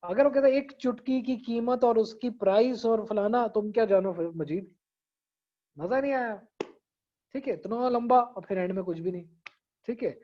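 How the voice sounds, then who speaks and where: A man's voice: very high voice, moderate pace, highs cut off. A man giving an online public speaking lesson in a conversational way, often checking in with his students. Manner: conversational, mixes English phrases, frequent "theek hai" checks. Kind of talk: online class lecture. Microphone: video call.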